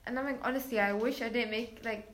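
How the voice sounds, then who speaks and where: A chatty woman with a fairly high voice tells a personal story as a guest. She talks casually, full of "like" fillers, and voices the people she quotes. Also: fairly even intonation, fast.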